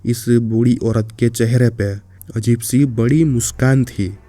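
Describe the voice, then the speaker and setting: A man's voice: mid-range voice, steady tone, unhurried, mellow. A man narrating a horror story in a casual way, speaking directly to the listener.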